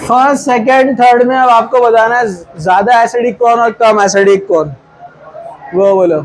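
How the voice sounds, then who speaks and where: A man's voice: extremely high pitch, fairly even intonation, normal speed, slight background noise, poor audio. A man teaching a chemistry class in a classroom, quizzing students repeated questions and coaxing them toward the answers. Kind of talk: classroom lecture.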